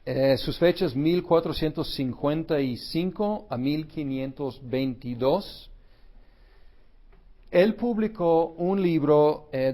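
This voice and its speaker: Male church history teacher, slightly high voice, hesitant and full of fillers. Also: dark tone. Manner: thoughtful, many fillers and self-corrections. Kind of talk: unscripted lecture.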